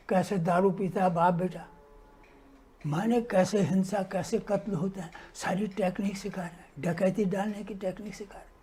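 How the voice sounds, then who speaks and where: A man's voice: high voice, darkish tone. A man giving impassioned social commentary, indignant and emphatic, piling up lists and rhetorical questions.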